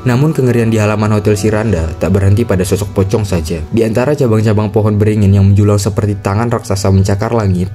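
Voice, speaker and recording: A man's voice: on the low side, fairly even intonation, fast, hardly any pauses, dark tone. A man reading a scripted horror narration as a storyteller. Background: background music.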